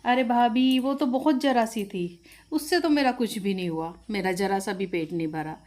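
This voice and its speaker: A woman's voice: fairly high pitch, normal speed, a little mellow, pitched below the performer's own voice, lightly acted. Woman doing greedy hungry young girl, eager, whiny, pleading, storybook voice.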